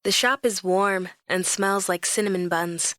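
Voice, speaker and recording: A young adult woman narrating a first-person romance audiobook in a lively, expressive storytelling manner. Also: medium pitch, unhurried, no room sound.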